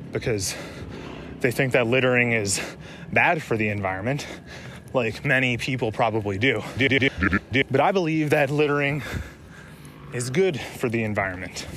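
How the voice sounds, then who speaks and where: A man's voice: medium pitch, noisy background. A young man vlogging outdoors while he runs by a river, a little out of breath, rambling and swearing as he argues a contrary point. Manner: profane, rambling, provocative. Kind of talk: running vlog monologue. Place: outdoors, running along a riverside.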